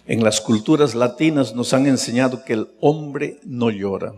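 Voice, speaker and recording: A male pastor preaching a sermon with passion, swinging between hushed low passages and soaring high ones. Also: measured pace. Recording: long reverb of a large hall.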